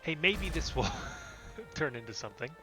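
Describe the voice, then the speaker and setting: A man's voice: on the high side, big pitch swings, moderate pace. A man streaming a video game, chatting casually, joking and swearing, and reading quest text aloud. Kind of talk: casual gameplay commentary. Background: game music.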